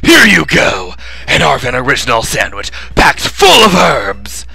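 Man voicing a bright, dramatic young student adventurer. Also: medium pitch, a little slow, vocal fry, slightly rough, soft background music, exaggerated voice. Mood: excited. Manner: expressive, dramatic, casual. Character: eager, easily flustered young male student adventurer. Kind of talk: acted video game dialogue reading.

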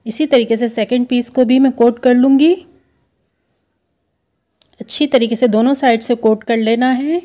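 A woman walks through a recipe step by step. She talks in a steady, instructive way, often repeating each step. Her voice comes from a home kitchen. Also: a little high, moderate pace, long pauses. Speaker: cooking show host.

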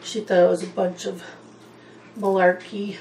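A woman's voice: medium pitch, little pitch movement, unhurried, darkish tone, slight background noise, low-quality recording. A woman chatting in a rambling, casual way while she colors, wandering from one topic to the next. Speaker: coloring channel host.

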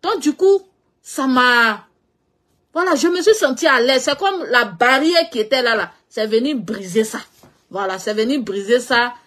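A woman's voice: on the high side, animated, measured pace, fairly bright tone. A woman with a West African French accent, frankly telling a personal story in a loose, repetitive way, often trailing off with filler phrases. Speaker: social media personality. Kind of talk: casual storytelling monologue.

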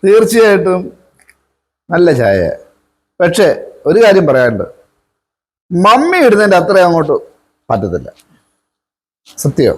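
A man acting as husband and son in a comic family skit, coaxing and teasing with drawn-out praise. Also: high-pitched, big pitch swings, heavily acted.

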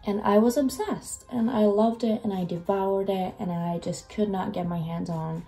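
A young Finnish-speaking woman with a medium-pitched voice chats casually at normal speed in a reading vlog, feeling slightly sick so her voice is lower than usual. As a book vlogger she's chatty, animated and self-deprecating, recorded on a webcam in a small room with soft background music and poor audio quality.

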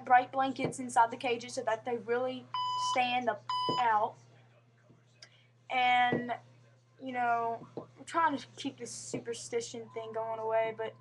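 A young woman talks into her webcam at home with a high, bright-pitched voice. Her delivery is rambling and earnest, full of fillers and false starts. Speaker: vlogger. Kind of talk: casual webcam monologue. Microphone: webcam mic.

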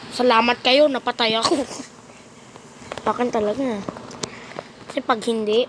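A young woman chats through a mobile game match in a high voice, teasing her teammates and joking as she plays. She talks casually and jumps between playful banter and loud outbursts. The recording carries a clear layer of background noise. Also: steady tone, unhurried. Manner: playful, teasing, bursts of shouting and laughter. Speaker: gaming vlogger. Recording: noisy background.

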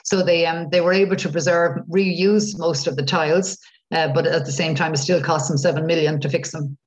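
A woman's voice: sits low, fairly even intonation, a little fast. A middle-aged Irish woman gives an informal guided-tour talk, chatty and rambling with hesitations, over a video call. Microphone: computer mic on video call. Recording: muffled video-call audio.

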